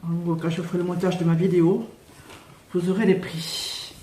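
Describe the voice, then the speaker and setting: A woman, unboxing her haul in a casual chat, pausing often with fillers and speaking a little loudly on purpose. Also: on the low side, flat delivery, echoey room, slight background noise. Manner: hesitant, many filler pauses. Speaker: unboxing vlogger.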